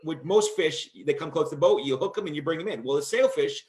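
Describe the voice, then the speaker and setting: A man hosting a casual chat show, telling stories in an animated way and acting out quotes loudly. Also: on the high side, fast. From Michigan, USA. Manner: animated, acts out quotes in a loud voice. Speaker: host.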